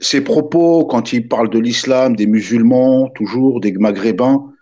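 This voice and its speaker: A man with a husky, rough-edged voice takes part in a casual debate. He explains his points in halting phrases and puts questions to the others. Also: medium pitch, warm tone, highs cut off.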